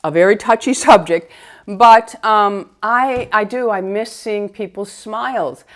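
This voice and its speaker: A middle-aged woman with a medium-pitched voice chats as a beauty vlogger. Her delivery is conversational and rambling, in a casual get-ready-with-me style aimed directly at her viewers. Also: a little slow, a bit bright.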